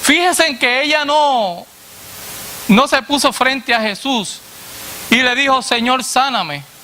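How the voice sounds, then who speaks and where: A man preacher delivering a sermon to a congregation, asking "what?" and answering himself in a lower voice, addressing listeners as brother. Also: slow, pushed and bright, a little hiss or hum. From Latin America. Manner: call-and-response questions, dropping low on the answer.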